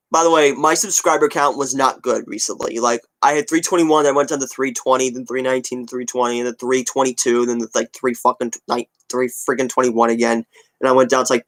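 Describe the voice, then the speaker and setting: Speaking fast and steadily at a medium pitch, a video creator of twenty gives his viewers an update and replies to their comments. He's offhand, wandering and repetitive, and the audio is poor.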